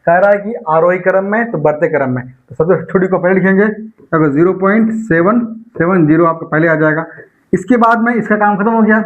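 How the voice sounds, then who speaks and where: A maths teacher with a high-pitched voice leads his students through exam problems in an online lecture, and the recording quality is low. Working each step aloud, he repeats the numbers slowly and keeps throwing rhetorical questions at the class.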